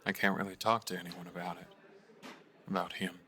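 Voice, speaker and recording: A guilty young man in an audio drama; low, bright voice, soft and halting, drops to near-whispers. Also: little pitch movement. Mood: wistful. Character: guilt-ridden young man, former friend. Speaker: [name].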